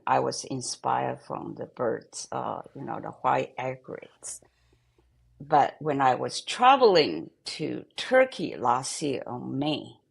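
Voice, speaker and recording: An older woman from Taiwan, a pianist and composer, speaking in an interview and trailing off softly at the ends of phrases. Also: deep voice, creaky, slightly rough. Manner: halting non-native English, trailing off softly at phrase ends. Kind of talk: interview conversation.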